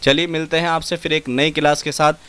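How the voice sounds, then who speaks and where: A man teaching Quran recitation, spelling Arabic words letter by letter and drawing out each syllable, with quick asides in between and a Pakistani Urdu accent. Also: on the high side, flat delivery, a bit bright, clear, resonant tone, no room sound.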